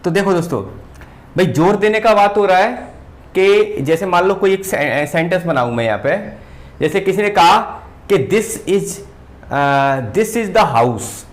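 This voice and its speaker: A male teacher giving a whiteboard grammar lesson, pausing and repeating words as he writes. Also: high voice. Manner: slow, repeats words while writing, often says "ठीक है".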